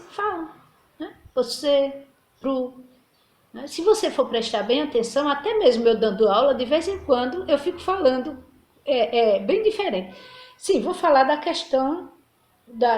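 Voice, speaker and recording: A woman's voice: on the high side, darkish tone. A middle-aged woman teacher from Brazil, giving a casual recorded lesson, chatty and often repeating herself. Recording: echoey room.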